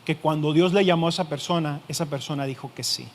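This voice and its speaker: A male pastor delivering a sermon, speaking in a voice pitched somewhat high for a man. He addresses the listener directly and returns again and again to the same key phrases. Many sentences start firm and then sink to a soft, hushed finish. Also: fast, slight background noise. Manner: emphatic, repeats key phrases, drops to a quiet hush at phrase ends.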